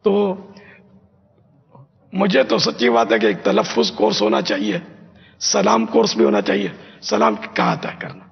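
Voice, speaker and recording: An older man, a religious scholar from Pakistan, gives an emphatic teaching talk to a gathering and repeats phrases slowly as pronunciation drills. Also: high-pitched, sing-song, creaky, breathy edge. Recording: echoey hall, dull lo-fi sound.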